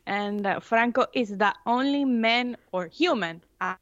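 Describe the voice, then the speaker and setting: A woman's voice: fairly high pitch, a little slow, a bit bright, dry recording, dull audio. A woman co-hosting a podcast, chatting casually. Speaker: podcast co-host. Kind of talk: casual chat.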